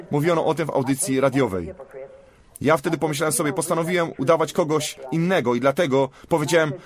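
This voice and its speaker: A man reading a translated sermon aloud in a measured, solemn way, with prayers for healing. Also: fairly high pitch.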